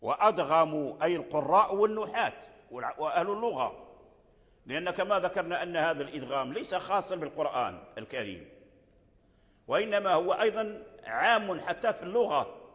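An older man from Morocco gives a lesson on Quran recitation. He explains patiently and repeats his points in a fairly high voice. His voice trails off into a long, echoing reverb. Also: lively intonation, fairly quick, a bit bright. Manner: explains patiently, repeats key phrases, chants examples. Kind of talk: religious lesson on tajweed.

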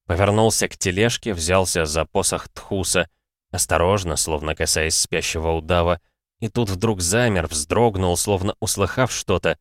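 A man narrating a fantasy audiobook in a measured, even storytelling manner. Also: low voice, no echo, clean studio sound.

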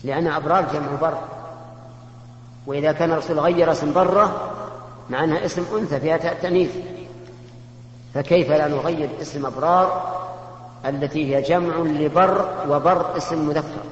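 A man, a religious scholar answering questions in a measured, explanatory way with rhetorical questions. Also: fairly high pitch, fairly even intonation. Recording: echoey hall, muffled lo-fi tape with faint hum.

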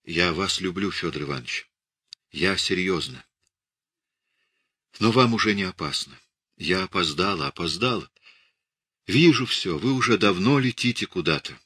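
An earnest young woman in love, voiced by a male reader. She talks softly and pleadingly, in a low, husky, bright-edged voice close to a dry mic, as in an audiobook. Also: animated, normal speed, pauses often, no echo, heavily acted.

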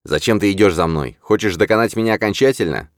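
A man reading an audiobook, voicing an angry, desperate young man who shouts and sneers bitterly. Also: lowish voice, fast, dry recording, studio quality, pitched above the performer's own voice, lightly acted. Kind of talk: audiobook character voice.

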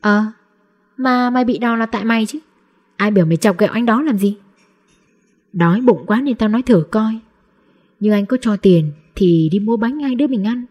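A woman's voice: on the high side, moderate pace, pauses often, muffled recording, lightly acted. A woman voicing a scrappy, hungry street boy who talks back rudely, as part of an audiobook reading. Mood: confiding. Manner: cheeky, rude back-talk.

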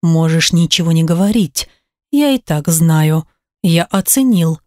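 A woman voicing a sarcastic, jealous husband in an audiobook, lowering her voice and speaking slowly with a mocking edge. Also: animated, a little mellow, no room sound, clean studio sound.

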